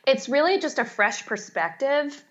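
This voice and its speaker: A middle-aged woman, a home organizing expert appearing as an interview guest, speaks casually at a moderate pace in a high, sing-song, slightly bright voice. Her explanations are chatty, emphatic, and self-deprecating, and the audio is lo-fi.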